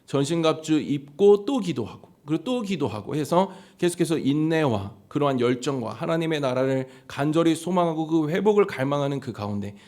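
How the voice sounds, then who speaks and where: A man preaching a Sunday sermon in a storytelling way. His voice sits a little high for a man, and his pitch rises and falls in lively swings as he recounts events. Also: fairly quick, few pauses. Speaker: pastor.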